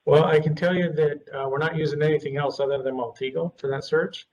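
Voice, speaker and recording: A man's voice: fairly high pitch, fairly even intonation, fairly quick, a little mellow. A man answering questions for a city department in a hesitant, apologetic way. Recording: dull audio, slightly distant mic, faint background hum.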